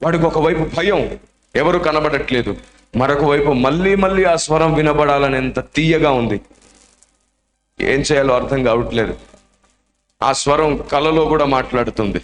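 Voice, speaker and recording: A man's voice: on the high side, moderate pace, pauses often, soft background music. A male preacher telling a story dramatically and emotionally during a sermon in a church. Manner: dramatic, emotional, acts out the voices. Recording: echoey church hall.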